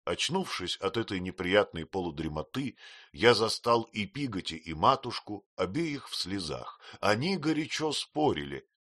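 A man narrating a literary audiobook in an expressive storytelling manner. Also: on the low side, normal speed, no room sound, clean studio sound.

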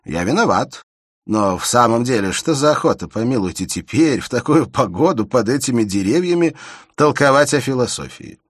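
A man reading aloud voices an excitable, hot-tempered young sculptor who mocks and shouts. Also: medium pitch, moderate pace, husky, no echo, clean studio sound, pitched above the performer's own voice. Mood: coaxing. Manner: loud, heated, exclaiming.

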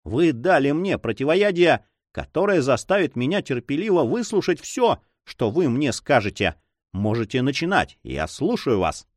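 A man's voice: mid-range voice, big pitch swings, normal speed, no room sound, studio quality, voice pushed up, natural voice. A man voicing an eager young nobleman in love who pleads impatiently.

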